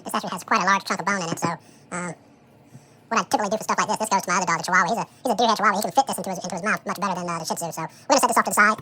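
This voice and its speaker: Chipmunk-effect voice, sped up; relaxed home cook narrating a task, very fast, bright. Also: a little hiss or hum. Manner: relaxed, thinks aloud with frequent "um" and "so". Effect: sped-up chipmunk voice, high and fast. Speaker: home cook preparing dog food. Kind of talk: casual how-to commentary while working.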